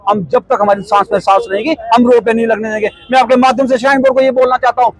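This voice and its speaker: A man's voice: very high voice, fairly even intonation, very fast, no room sound, soft background music, low-quality recording. A middle-aged man, a protest committee member, giving an impassioned statement full of repeated rhetorical questions.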